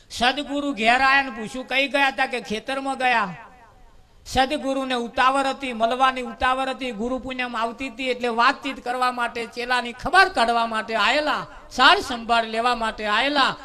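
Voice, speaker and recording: High, bright storyteller. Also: male voice. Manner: lively storytelling with drawn-out word repetition. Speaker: devotional storyteller at a bhajan gathering. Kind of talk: humorous spoken parable.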